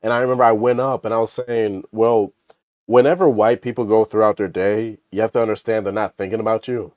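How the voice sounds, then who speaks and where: A man co-hosting a casual podcast discussion, talking in an animated way and breaking into mocking impressions. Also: lowish voice, brisk, dry recording, studio quality. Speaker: podcast co-host.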